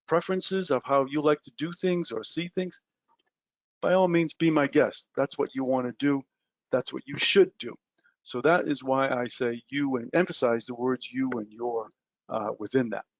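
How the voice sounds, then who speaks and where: In a mid-range voice, a man leads a live trading webinar, addressing listeners directly in a relaxed way full of "uh" and "um" fillers. The sound is lo-fi but free of echo.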